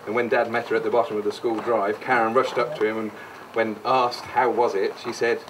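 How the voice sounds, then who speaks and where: A man's voice, on the low side and a bit bright, comes across flat and a little fast as he gives a jokey, mock-sincere best-man-style speech, often wandering off topic. He is the bride's brother, recorded distantly in a noisy, live wedding reception room.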